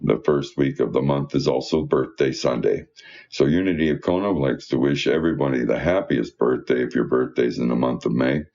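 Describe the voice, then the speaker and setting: A man with an extremely low voice reads church newsletter material aloud, covering announcements and prayer, at a slightly fast pace and with a somewhat mellow tone. He stumbles over his words now and then. The recording sounds dull and muffled.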